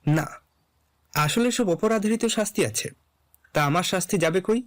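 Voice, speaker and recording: A caring young man, played by an actor, whose fairly high voice presses gently and does not back down. It sounds like an audio drama. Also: normal speed, natural voice. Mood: tender. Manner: coaxing, insistent, tender. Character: caring young man Redwan, insistent and tender. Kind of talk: Bengali audio drama acting.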